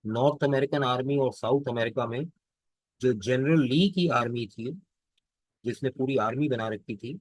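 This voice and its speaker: A man teaching literature, reading lines slowly and explaining them at length in Hindustani with Urdu words, asking himself questions and answering them. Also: mid-range voice, no room sound, low-quality recording. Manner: fills pauses with "theek hai". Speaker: English teacher. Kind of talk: lecture explaining a text line by line.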